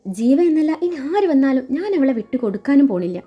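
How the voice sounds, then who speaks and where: A woman's voice: high-pitched, big pitch swings, brisk. Woman voicing a fiercely protective adoptive mother. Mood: defiant. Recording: dull lo-fi with faint music.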